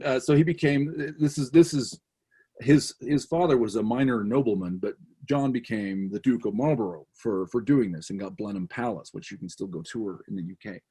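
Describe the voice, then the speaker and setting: A man's voice: mid-range voice, a little mellow, husky. A man speaking as a guest author in casual conversation, telling a history story with lots of restarts and fillers.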